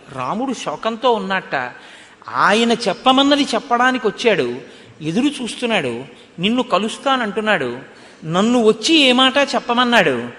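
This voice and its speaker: A man with a Telugu accent delivers a religious discourse in a high, bright, ringing voice. He tells the story in an animated way and keeps turning to his listeners with rhetorical questions. His voice carries a long hall reverb.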